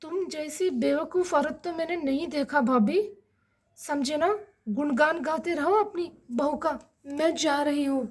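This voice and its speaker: A woman voicing a sharp-tongued, scheming middle-aged aunt in a doll-play drama, loud and scolding. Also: high-pitched, measured pace. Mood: contemptuous.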